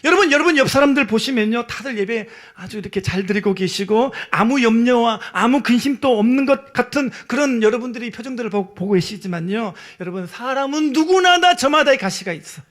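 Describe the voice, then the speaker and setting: A man preaching as pastor, swinging from hushed whispers to loud, pleading cries. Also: very high voice, expressive, a little fast, few pauses. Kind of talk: sermon.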